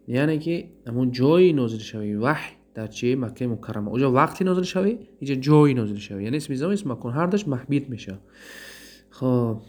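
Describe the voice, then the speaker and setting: Tajik man teaching Arabic grammar slowly. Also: mid-range voice, darkish tone. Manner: drawls out word forms, repeats them slowly, then translates; asks questions and answers them himself. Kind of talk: classroom lesson.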